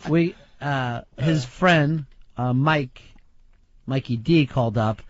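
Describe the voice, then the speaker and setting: A man's voice: mid-range voice, takes it slowly, no echo. A man hosting radio, chatting casually into a studio microphone. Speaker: radio host. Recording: dry, dull lo-fi radio audio.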